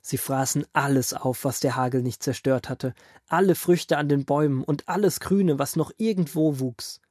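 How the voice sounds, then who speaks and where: A man narrating as a grandfather figure, reading a Bible story aloud in a calm storytelling manner for a children's audio drama. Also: a little high, moderate pace, no echo, clean studio sound, lightly acted.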